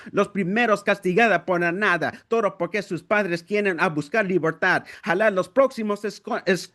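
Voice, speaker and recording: A man with a high voice recites his spoken word poetry over a video call from home. His delivery is confrontational and defiant. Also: a bit bright. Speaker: open mic poet.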